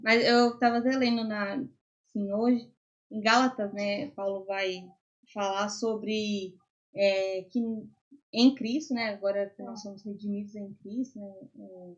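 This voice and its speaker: A woman's voice: medium pitch, steady tone, unhurried. A young Brazilian woman, a podcast guest, earnestly explaining her faith views in casual talk, with many fillers. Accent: Brazilian Portuguese. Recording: dull lo-fi audio.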